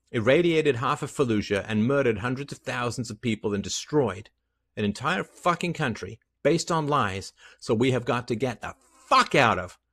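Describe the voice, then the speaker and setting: A man in his fifties rants alone into a headset mic, furious and sarcastic, swearing freely. His pitch swings widely, from low grumbling mutters to sharp loud bursts. He sounds close and plain, recorded in a small room. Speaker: podcast host. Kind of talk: impassioned solo rant to camera.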